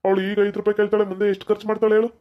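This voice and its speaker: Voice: medium pitch, racing, close to an everyday voice. Someone playing a fawning stingy husband. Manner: fawning, flattering. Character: doting middle-aged husband, stingy with his daughter. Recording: dull lo-fi sound.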